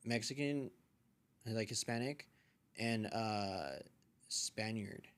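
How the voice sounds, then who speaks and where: A man with a fairly low voice takes his time as he shares personal stories on a podcast, chatting informally in slangy, wandering fashion as a guest.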